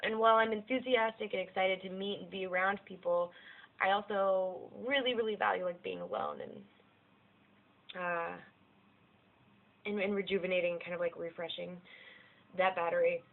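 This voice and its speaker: A woman's voice: fairly low pitch, normal speed, long pauses. A young American woman talking candidly about her life in a rambling, self-deprecating way, swearing freely. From United States. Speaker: vlogger. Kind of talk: casual personal vlog monologue. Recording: tinny lo-fi narrow-band audio.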